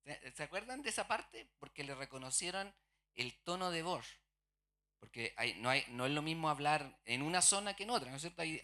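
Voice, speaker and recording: A preacher delivers a church sermon in a bright, forceful voice. The pitch sits in a middle range. The preacher keeps posing questions to the congregation and then answering them.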